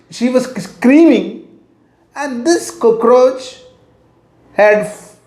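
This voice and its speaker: A middle-aged man with an Indian English accent delivers a motivational talk in a very high, lively voice. He speaks slowly and deliberately and repeats his key points. The sound is echoey, as if in a bare room. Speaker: motivational teacher.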